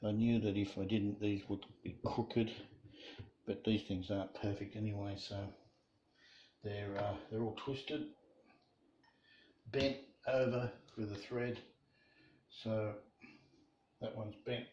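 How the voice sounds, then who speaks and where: A man's voice: on the low side, flat delivery, takes it slowly, pauses often, dark tone. A man casually talking through a woodworking build in his shed, plain-spoken and self-deprecating. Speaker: hobby woodworker. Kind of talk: casual workshop narration. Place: home shed workshop. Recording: dull lo-fi sound with faint noise.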